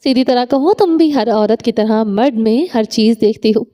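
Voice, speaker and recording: A brooding young man with a curt, cutting way of talking, read by a woman narrator. The voice sits fairly high and soft, dark and mellow in tone. Storybook romance reading. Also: lightly acted. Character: brooding bitter young man, wealthy hero.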